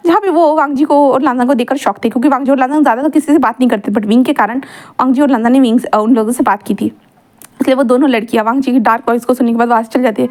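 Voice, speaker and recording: A woman narrating a fan fiction story in a casual, chatty way. Her voice is high and she races along, full of fillers and quick self-corrections. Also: a little mellow.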